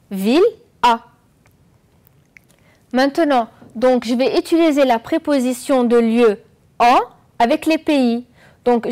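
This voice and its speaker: Slow, encouraging woman teaching French. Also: on the high side. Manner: slow, clear, encouraging explanations with questions to viewers. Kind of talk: televised classroom lesson.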